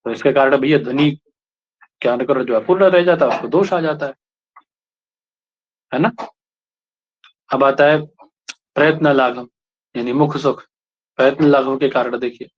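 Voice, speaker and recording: An Indian teacher speaks at a medium pitch and normal speed, with frequent pauses, during a classroom lecture. The recording is lo-fi, and he explains ideas while asking his students brief check-in questions.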